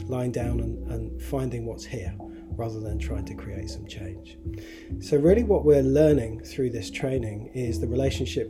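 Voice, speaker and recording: A middle-aged man and yoga teacher trainer, speaking calmly and gently to promote a training course. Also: medium pitch. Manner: calm, gentle, unhurried with soft fillers. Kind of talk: promotional talk to camera. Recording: guitar music underneath.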